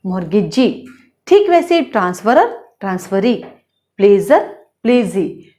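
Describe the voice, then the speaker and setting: A woman law teacher with an Indian accent, schooled in Hindi, lecturing in a lively way and repeating points with quick questions to her students. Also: mid-range voice. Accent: Hindi-medium Indian English words. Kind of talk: classroom lecture.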